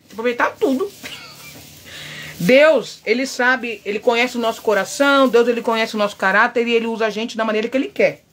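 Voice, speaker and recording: A middle-aged Brazilian woman chatting loudly and outspokenly with her viewers, telling a story while she works. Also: fairly high pitch, brisk. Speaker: vlogger. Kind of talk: casual chat while painting a wig.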